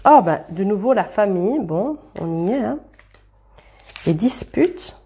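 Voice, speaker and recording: A woman with a warm, mellow, mid-range voice does a relaxed card reading on a live stream, speaking a little slowly. She talks loosely, thinking out loud and pausing to greet viewers by name, with a little hiss or hum in the audio.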